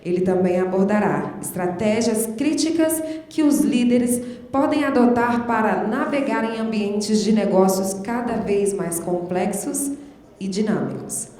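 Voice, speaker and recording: A woman's voice: medium pitch, expressive, measured pace, warm tone. A woman reading a formal scripted introduction of a speaker at an event. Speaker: event announcer. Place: large conference hall. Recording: echoey hall with long reverb.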